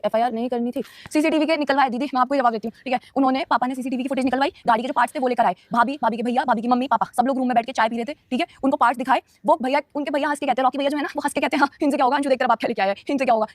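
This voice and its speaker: This is a young woman with a voice that sits high, recorded without echo. She answers her viewers on a relaxed live stream, speaking to them directly, emotionally, rapidly, and defensively.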